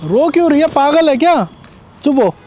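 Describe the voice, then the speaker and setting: A man's voice: very high voice, expressive, normal speed, darkish tone, slight background noise. A young man in a casual prank conversation, teasing and persistently coaxing his friend.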